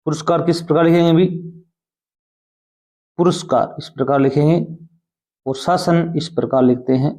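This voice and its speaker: A man teaches an exam-prep class. His voice sits a little high, yet it sounds warm and relaxed. He explains each answer step by step and keeps asking short questions. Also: normal speed, pauses often.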